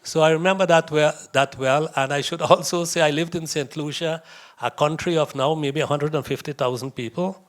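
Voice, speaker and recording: A man with a voice sitting a little high for a man addresses a room of young visitors. His lecture is conversational, dotted with anecdotes, small chuckles and side remarks. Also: fairly even intonation, a little fast.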